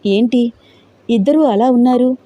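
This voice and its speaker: A woman's voice: a little high, measured pace, dark tone, muffled recording, voice pushed up, lightly acted. A woman voicing a young woman, an anxious friend who keeps pressing with worried questions in a storybook tale. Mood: puzzled.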